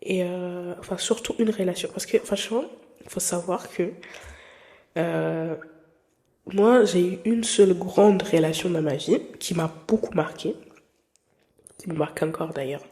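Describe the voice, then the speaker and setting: A woman in her twenties hosts her podcast in French, which isn't her first language, with a lowish, dark-toned voice, a slightly slow pace and long pauses. Candid and playful, she rambles through a casual personal chat full of fillers and restarts.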